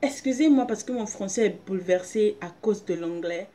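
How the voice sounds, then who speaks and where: Over a noisy background, a woman with a medium-pitched voice talks at normal speed in a personal video sermon. As a preacher urging her listeners on, she is insistent, repeating phrases and questions while often groping for the right words.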